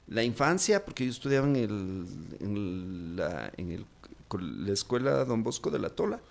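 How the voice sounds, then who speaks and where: A man's voice: fairly low pitch, sing-song, moderate pace, vocal fry. A man with a Quito Ecuadorian accent, an actor chatting as an interview guest, rambling with many fillers and restarts. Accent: Quito Ecuadorian Spanish. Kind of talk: casual interview talk.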